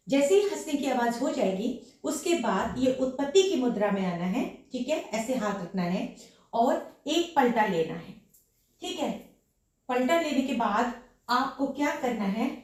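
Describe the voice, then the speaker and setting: A slightly hoarse woman teaching dance steps, counting the beats aloud as she demonstrates each move. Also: high-pitched, sing-song, a little slow, darkish tone. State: slightly hoarse sore throat. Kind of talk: step-by-step dance instruction with counting. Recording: very echoey room, voice from a distance.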